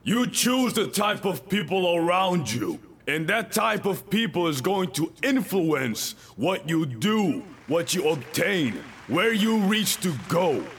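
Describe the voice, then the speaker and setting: A man's voice: high-pitched, big pitch swings, slow pace, vocal fry, few pauses, fairly bright tone, slight background noise. A male pastor preaching a sermon, emphatic and repeating his key lines, with joking asides to the congregation.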